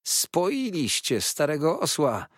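A man voicing a sneering, venomous young male clerk who hisses his words in spite, in a storybook reading, with a husky voice in a dry recording. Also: wildly swooping pitch, takes it slowly, a bit bright, dry recording, exaggerated voice. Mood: menacing. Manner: hissing, shrill, spiteful.

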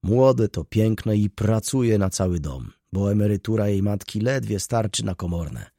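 Brief: narrator doing a plain, dry-spoken caretaker, low husky voice. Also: male voice, measured pace, dark tone, no echo. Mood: matter-of-fact. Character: kindly, plain-spoken male building caretaker.

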